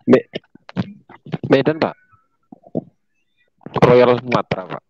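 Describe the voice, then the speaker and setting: A man's voice comes through a dull, lo-fi call line that keeps breaking up and dropping out. His pitch sits in the middle range, and he answers in short, repeated phrases. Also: expressive, takes it slowly, a little mellow. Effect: call audio breaking up and dropping out. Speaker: caller on an online group call. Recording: dull lo-fi online call audio.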